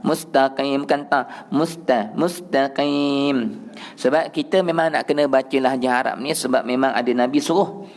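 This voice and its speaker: A Malaysian man leads a recitation class in a prayer hall, his voice gravelly with fry. He explains sounds patiently in a mid-pitched, everyday tone, then stretches the verse out in a slow chant for students to follow. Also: fairly even intonation. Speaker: Quran recitation teacher. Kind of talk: mosque class on Quran recitation.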